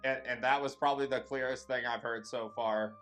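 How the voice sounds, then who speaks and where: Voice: medium pitch, fairly even intonation, a little fast, a bit bright. A participant in a paranormal vlog reports what is heard. The delivery is casual and clipped, in short blunt bursts. Faint music runs behind. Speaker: ghost-hunt participant relaying heard words. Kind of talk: short isolated utterances and casual remarks.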